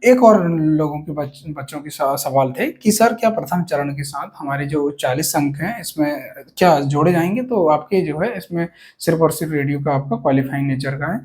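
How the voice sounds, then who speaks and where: An Indian man who runs a police exam advice channel gives students an informal explainer in a slightly high, darkish voice. He hammers key points home through repetition and keeps checking that everyone is following.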